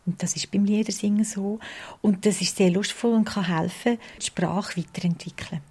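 A woman's voice: medium pitch, steady tone, normal speed, dark tone, breathy edge. A woman with a Swiss German accent, a researcher patiently explaining her work step by step in an interview. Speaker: early childhood music researcher.

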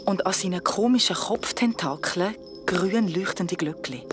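A woman with a fairly low voice, speaking a little slowly over background music, plays a frightened young woman with a Swiss German accent in an audio drama. Lightly acted, her narration of a nightmare sounds shaken, breathless and colloquial, full of urgency.

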